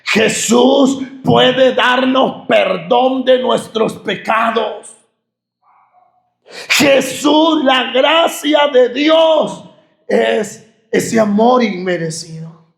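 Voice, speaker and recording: A male pastor preaching a sermon with fervor, often raising his voice to a shout and repeating phrases for emphasis. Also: very high voice, very slow, creaky, echoey room. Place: church.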